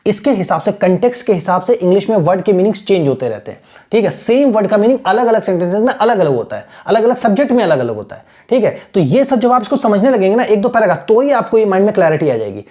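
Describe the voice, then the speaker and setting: Patient mellow-voiced male teacher. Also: sits high, big pitch swings, fast talker. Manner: patient, repetitive, often checks in with the viewer; drills pronunciation syllable by syllable. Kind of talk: screen-share language lesson.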